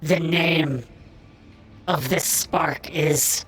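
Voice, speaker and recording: Dying cryptic tech-priest. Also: male voice, fairly high pitch, fairly even intonation, a bit bright, husky, exaggerated voice, rough recording. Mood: solemn. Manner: slow, solemn, prophetic speech.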